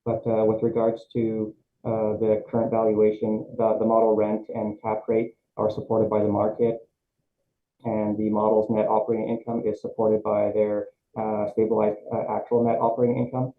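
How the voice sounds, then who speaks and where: A man testifying as an assessor at a review board over a video call, halting, with many fillers and restarts. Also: lowish voice, completely flat delivery. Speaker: city assessor presenting at a hearing. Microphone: remote video call, microphone held close. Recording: tinny video-call audio with faint hiss.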